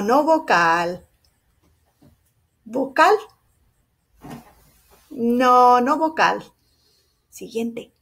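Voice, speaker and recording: A young woman teaching young children, speaking in, in a slow, sing-song, encouraging way. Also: sits high, husky. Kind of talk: children's lesson.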